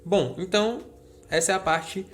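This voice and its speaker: A man's voice: high-pitched, moderate pace, faint music behind. A man teaching a recorded grammar lesson. He explains step by step in a friendly way and checks in with the viewer often.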